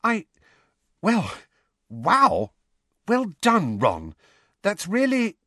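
A man voicing an excitable bookish teenage girl in an audiobook, speaking in a breathless, high and eager way. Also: extremely slow, no room sound, studio quality, exaggerated voice. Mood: flustered. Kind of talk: audiobook character voice.

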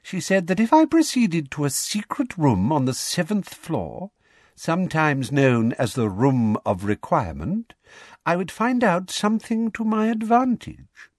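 Guy doing a smug sickly sweet lady bureaucrat for an audiobook, high swoopy voice, talks down to everyone. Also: big pitch swings, unhurried, dry recording, studio quality. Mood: smug, reporting. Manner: soft, condescending, falsely kind, snapping when impatient. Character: silky, smug, sickly-sweet middle-aged female official.

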